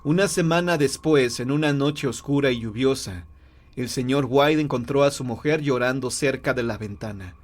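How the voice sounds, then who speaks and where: A man narrating a horror tale in a measured, grave storytelling voice. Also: mid-range voice.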